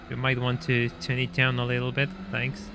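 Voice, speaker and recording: Over a noisy background, a young Argentine man with a medium-pitched, vocal-fry voice streams a racing game. He chats and comments casually, laughs a lot, and stumbles over repeated words.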